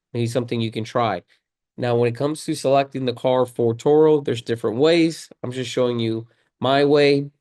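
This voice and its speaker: Hoarse from a cold, this man hosts car rentals and makes videos, and here he chats through a tutorial for his viewers. His mid-range, darkish voice stays conversational, and he circles back to key points to stress them.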